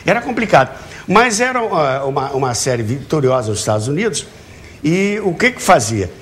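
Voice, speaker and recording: A Brazilian man, appearing as a guest before a studio audience, tells the host lively anecdotes in a jovial way, voicing the characters' dialogue. His slightly high, fairly bright voice has big pitch swings at a moderate pace, and the TV audio is plainly noisy.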